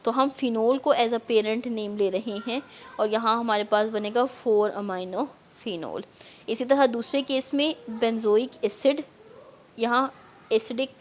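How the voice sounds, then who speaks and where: A woman chemistry lecturer with a Pakistani accent, explaining step by step in a classroom lecture and mixing in English terms. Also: fairly high pitch.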